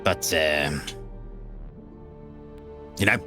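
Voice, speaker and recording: A man's voice: a bass voice, drawn-out words. A man improvising in-character conversation as a player in a tabletop role-playing game. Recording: clear music under the voice.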